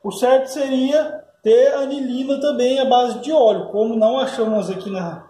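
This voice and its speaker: A man's voice: very high-pitched, normal speed, dark tone, roomy sound, slight background noise. A man with a Brazilian Portuguese accent, a custom painter, patiently explaining a paint job step by step in a casual way.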